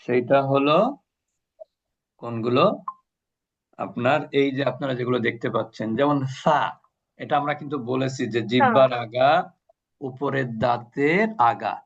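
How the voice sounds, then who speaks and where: A man's voice: medium pitch, steady tone, moderate pace, gravelly, long pauses. Man teaching over a muffled video call. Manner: patient, asks students questions and drills sounds. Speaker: Quran recitation teacher. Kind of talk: online class lesson. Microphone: video call mic.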